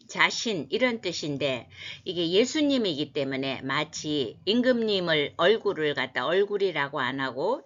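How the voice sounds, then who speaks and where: A woman giving a language lesson as a teacher, explaining scripture word by word and repeating phrases slowly for learners. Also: on the low side, fairly bright tone, dull audio.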